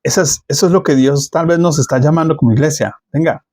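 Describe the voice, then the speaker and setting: A man's voice: a little high, quick pace, a little mellow, dry recording, studio quality. A middle-aged man with a Colombian accent preaching a sermon in a conversational way, full of rhetorical questions. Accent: Colombian Spanish.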